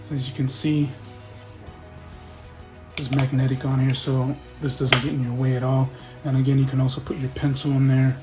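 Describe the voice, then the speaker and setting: A man casually talking through an unboxing in a relaxed, halting way, hosting his own tech video. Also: mid-range voice. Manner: relaxed, halting, with fillers and restarts. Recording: music playing behind.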